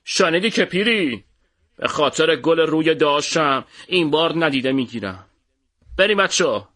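A man voicing a hot-tempered, bullying male shopkeeper in an audiobook, with a shouting, threatening delivery. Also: a little high, animated, pitched above the performer's own voice. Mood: mocking. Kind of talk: audiobook character voice.

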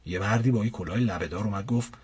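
A young man narrating a comic first-person adventure in a casual, lively storytelling manner. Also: lowish voice, breathy edge. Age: young adult.

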